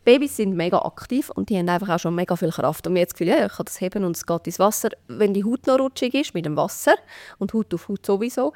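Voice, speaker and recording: Swiss German woman, expert guest, quick practical explainer, dry close mic. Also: medium pitch, animated, a little mellow, no room sound. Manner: practical, explaining step by step with many fillers. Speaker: baby care expert guest. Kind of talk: conversational podcast explanation.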